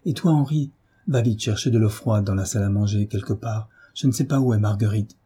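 A man's voice: fairly low pitch, fairly quick, warm tone, husky. A man voicing a grave, caring middle-aged doctor who speaks in an earnest, urgent, persuasive way, read as an audiobook. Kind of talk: audiobook reading.

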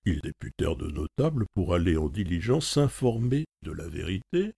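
Male reader for a classic novel, deep dark voice, dry close sound. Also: sing-song, normal speed, gravelly, husky, no room sound. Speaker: audiobook narrator.

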